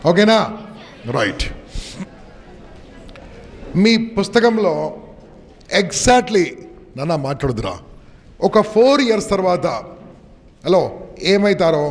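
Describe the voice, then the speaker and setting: A man's voice: sits high, very animated, a little slow, long pauses. Rousing male motivational speaker, hall reverb. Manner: commanding, rousing, mixing English into Telugu. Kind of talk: motivational seminar talk to students.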